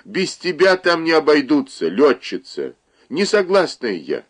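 A man voicing a fussy, scolding elderly mother, breaking into shrill outbursts in a read-aloud story. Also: huge pitch swings, measured pace, breathy edge, exaggerated voice.

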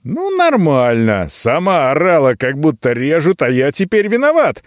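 Brief: male reader doing a gruff, hot-tempered young man, rough and scolding, lively pitch. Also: moderate pace, no echo, clean studio sound. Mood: irritated.

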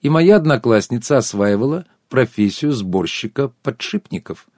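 A man reading the part of a lively, polished woman in her forties, gossiping in an audiobook. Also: mid-range voice, normal speed, no echo, clean studio sound, natural voice. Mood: gossipy.

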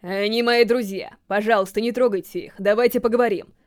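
A woman voicing a gentle young man who speaks softly and earnestly. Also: medium pitch, fairly even intonation, brisk, lightly acted. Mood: pleading. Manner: soft, earnest, pleading.

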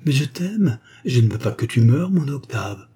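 A man's voice: mid-range voice, expressive, moderate pace, warm tone, slightly rough, voice pushed up. A man voicing a scheming young actress in a read-aloud novel, speaking in a coaxing, caressing tone and raising his voice for her.

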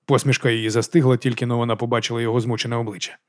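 Fast-paced male audiobook narrator. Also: mid-range voice, little pitch movement, darkish tone, no echo, clean studio sound. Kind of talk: scripted novel narration.

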